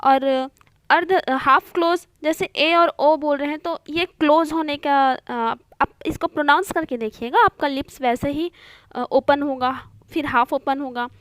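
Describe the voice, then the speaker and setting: Unhurried and patient, a young woman with a high voice leads an online Hindi grammar class, recorded close and dry without echo. Her delivery is steady and repetitive like a classroom, with English words sprinkled into the Hindi and regular "theek hai" to check on her listeners.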